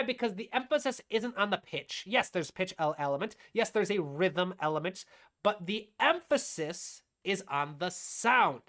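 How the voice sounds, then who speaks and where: A woman's voice: mid-range voice, a bit bright. A woman teaching music production on a live stream, explaining her steps aloud as she demonstrates and answering her own questions.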